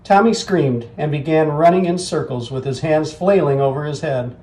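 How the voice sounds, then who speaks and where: Man telling a children's bedtime story, slightly high voice. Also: darkish tone, low-quality recording.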